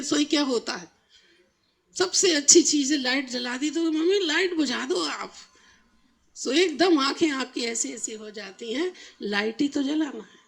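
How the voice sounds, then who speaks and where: A woman spiritual teacher giving a talk to a live audience, often putting rhetorical questions to them. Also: a little high. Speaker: Brahma Kumaris spiritual teacher.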